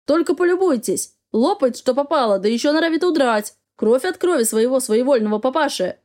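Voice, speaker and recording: Woman voicing a loud, doting bearded man. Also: high-pitched, expressive, brisk. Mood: proud. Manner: shouting, scolding and coaxing.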